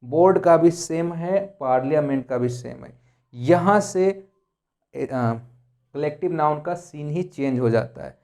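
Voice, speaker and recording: Guy teaching grammar, kinda high voice but soft and mellow, lists examples, keeps saying ok. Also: a little slow. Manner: explains by listing examples and checking in with "ठीक है". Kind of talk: lecture explaining grammar rules.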